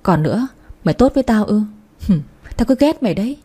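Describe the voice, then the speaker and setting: A woman's voice: mid-range voice, sing-song, fairly quick, warm tone, husky. A woman voicing a spiteful, envious young woman who sneers at her rivals. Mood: sneering.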